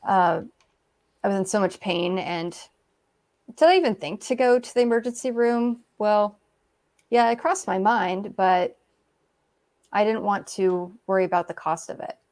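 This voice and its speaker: A woman's voice: medium pitch, unhurried, pauses often, darkish tone. A woman guest, an author, telling her story in a casual interview, chatty with many fillers and acted-out quotes.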